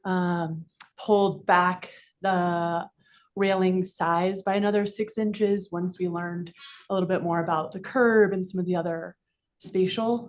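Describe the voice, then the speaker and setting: A woman's voice: on the low side, fairly even intonation, unhurried. A woman representing a restaurant, speaking at a council meeting into a desk microphone, informal with many fillers and a little out of breath. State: slightly out of breath. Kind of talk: public comment at council meeting. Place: council chamber.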